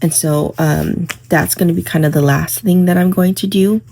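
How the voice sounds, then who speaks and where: A woman vlogging casually about her planner from home, her voice hoarse in the morning, rambling with many fillers. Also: fairly low pitch, moderate pace, warm tone, slight background noise. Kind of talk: casual crafting vlog. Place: home, indoors.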